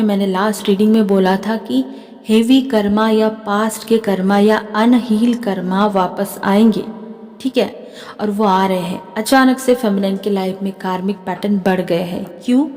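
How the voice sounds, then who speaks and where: In a large hall, an Indian-accented spiritual healer and tarot reader talks to camera at a measured pace, her medium-pitched voice dark and fairly even. Her channeling talk is chatty, with frequent check-ins with listeners and repeated "theek hai."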